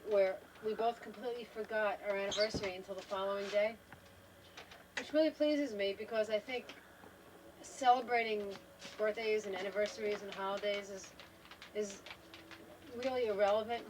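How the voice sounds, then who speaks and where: A woman's voice: mid-range voice, fairly even intonation, brisk, far from the mic, noisy background. An older woman in a travel trailer, talking thoughtfully and unhurriedly to a home video camera, often trailing off and restarting her sentences. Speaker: wife in a family home video. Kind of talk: casual reflective talk to camera.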